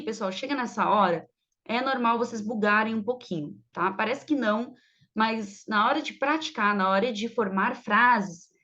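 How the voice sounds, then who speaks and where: A woman's voice: fairly high pitch, fairly bright tone, lo-fi sound. A woman teaching English online, patiently explaining and drilling phrases for students to repeat. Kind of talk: online language lesson.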